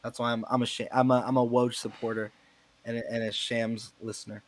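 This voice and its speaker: Male host, mid-pitched everyday voice, excitable sports chatter. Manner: excitable, reads trade reports aloud, quick reactions. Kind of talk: casual sports chat.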